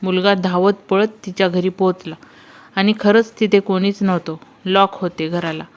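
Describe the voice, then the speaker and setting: A woman's voice: medium pitch, steady tone, normal speed. A woman reading out a string of short jokes, acting out each character's line in turn. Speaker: joke reader. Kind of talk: reading Marathi jokes aloud.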